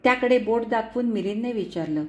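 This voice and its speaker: A woman's voice: on the high side, lively intonation, brisk. A woman storyteller reading a story aloud in a tender, pleading, letter-like manner. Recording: echoey room.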